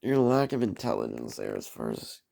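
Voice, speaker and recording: A man's voice: low voice, wildly swooping pitch, normal speed, gravelly, warm tone. A man giving a rambling, profane solo vlog monologue, trailing off on tangents and tagging "man" onto his sentences. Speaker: vlogger.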